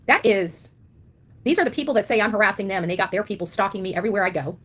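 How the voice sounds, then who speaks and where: An online commentator on a missing-child case delivers a racing, impassioned monologue. Her mid-range voice has lively intonation, and she's blunt and indignant, relying on rhetorical questions and emphatic repetition.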